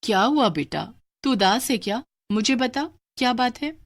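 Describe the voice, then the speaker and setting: A woman voicing a poor, tender middle-aged mother who consoles her daughter, soft and motherly. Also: a little high, expressive, normal speed, voice pushed up.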